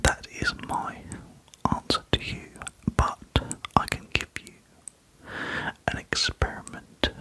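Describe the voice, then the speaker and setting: A man whispering softly into a close binaural microphone, musing aloud and asking the listener rhetorical questions. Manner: very soft whisper, sometimes barely audible. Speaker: ASMR creator. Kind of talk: ASMR whispering.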